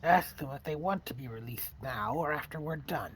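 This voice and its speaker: Chatty higher-voiced man, faint noise. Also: moderate pace, a bit bright. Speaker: player. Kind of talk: casual tabletop play.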